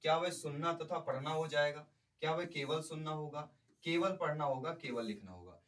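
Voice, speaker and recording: A man's voice: fairly high pitch, moderate pace, a bit bright, distant mic, rough recording. A male teacher giving an exam-prep lecture, explaining by repeating points and putting questions to the class.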